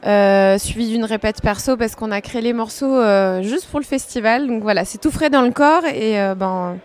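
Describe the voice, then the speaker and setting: A dancer from France answering interview questions in a loose, chatty way. She hesitates often and fills pauses as she thinks. Her voice sits on the higher side for a woman. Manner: hesitant, many fillers. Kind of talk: casual interview chat.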